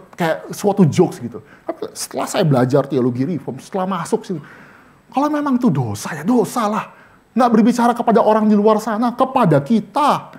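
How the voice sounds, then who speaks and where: A young man, a vicar, teaching a casual church Bible study, telling anecdotes with sudden high bursts and chuckles, dropping English words in. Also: darkish tone. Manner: drops English words into talk. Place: church hall.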